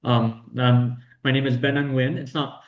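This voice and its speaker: A man's voice: medium pitch, little pitch movement, unhurried. A young man in his late teens from Vietnam, chatting at length as an interview guest, with many fillers and restarts. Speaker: guest racing driver. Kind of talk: casual interview answers. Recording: dull, echoey lo-fi room sound.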